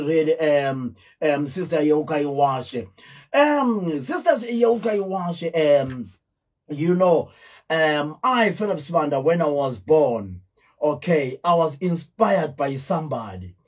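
A middle-aged man with a fairly high, expressive, slightly breathy voice hosts a radio interview from a small studio at a measured pace. He teases his guest and repeats words for emphasis, recorded on a studio mic with headphones.

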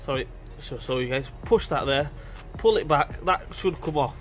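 A mechanic with a stuffy nose speaks expressively at a moderate pace in a fairly high voice while talking his viewers through a car fix. He's relaxed and chatty, calling them "guys," and the phone recording sits close to the engine with faint background music.

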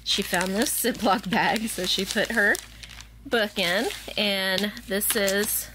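A woman in her thirties chatting casually while filming herself in her kitchen, thinking out loud as she goes. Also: medium pitch, steady tone, slow, noisy background. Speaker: family vlogger. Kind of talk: casual vlog chat. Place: home kitchen. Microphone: handheld camera at arm's length.

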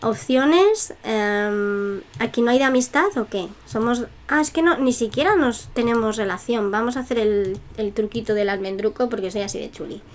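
A woman's voice: on the high side, moderate pace. A young woman with a Spain Spanish accent, chatting casually and giggling while commenting on a life-simulation game. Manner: chatty, giggly, self-mocking asides. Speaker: gameplay youtuber.

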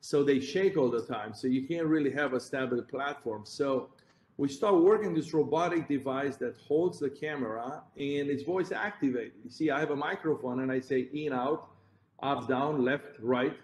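Roomy echo and faint background noise surround a heart surgeon with a Romanian accent as he gives a conference talk. He points at slides, explains step by step and corrects himself, using a mid-range voice at normal speed.

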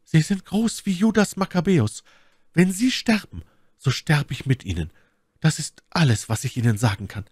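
A breathless, theatrical noblewoman, cunning and passionate, her voice pitched far above a man's. She pleads and schemes in lively swoops, close and dry to the mic, like a storybook read aloud. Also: normal speed, breathy edge, no room sound. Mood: fervent.

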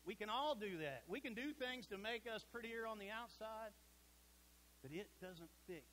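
A middle-aged man preaching a sermon in a church sanctuary, folksy and emphatic, dropping to a hush at points. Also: high voice, a little hiss or hum, low-quality recording.

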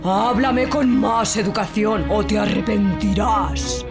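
A storyteller voicing a huge, boastful male genie in a fairy tale, with a slow, booming, drawn-out delivery over background music. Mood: menacing, booming. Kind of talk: storybook character voice.

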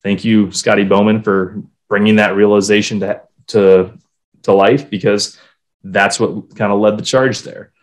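A man's voice: lowish voice, measured pace. A man co-hosting a podcast, talking casually and animatedly, with swearing. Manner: animated, swearing, reading quotes aloud. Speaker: podcast co-host. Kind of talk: casual hockey podcast chat.

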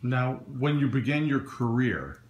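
A man's voice: mid-range voice, big pitch swings, unhurried. A man interviewing a guest in the guest's home, asking questions hesitantly with fillers. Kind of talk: casual interview. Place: living room. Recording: echoey room.

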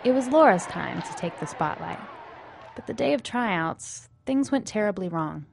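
A woman reporter reading a scripted television news narration in a measured storytelling way. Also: mid-range voice, animated, gravelly, a little hiss or hum.

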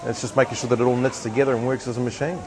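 A man's voice: mid-range voice, level tone, racing. A man in his fifties with a New Zealand accent, a restaurant manager talking confidently and in a businesslike, upbeat way in an outdoor courtyard. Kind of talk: promotional interview. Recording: noisy outdoor ambience with traffic.

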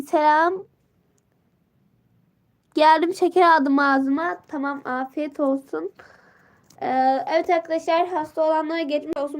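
Sick teen girl live streaming on her phone, high voice, stuffy nose, chatty, reads out chat comments. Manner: chatty, greets viewers and reads comments aloud.

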